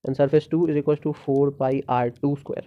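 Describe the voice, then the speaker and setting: A man tutoring through exam problems, thinking out loud step by step in a halting, unscripted way with pauses and self-corrections. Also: medium pitch, steady tone. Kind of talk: unscripted problem-solving lesson. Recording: dull lo-fi microphone.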